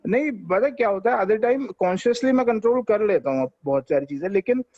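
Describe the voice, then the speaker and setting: A man with an Indian English accent telling a personal story on an online call in casual chat, animated and switching between Hindi and English. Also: high voice, normal speed, no room sound, dull audio. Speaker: participant.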